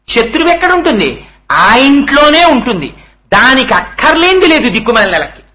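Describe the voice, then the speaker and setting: A man giving a devotional sermon on scripture, chanting verses slowly and asking his listeners rhetorical questions. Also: very high voice, pushed and bright, low-quality recording. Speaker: religious discourse speaker.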